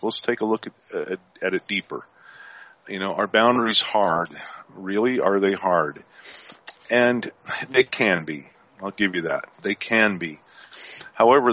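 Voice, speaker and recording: A man talking calmly and firmly as an instructor in a live-streamed talk, sometimes acting out sample dialogue. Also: fairly low pitch. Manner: calm, firm, acts out sample dialogue. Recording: dull lo-fi stream audio.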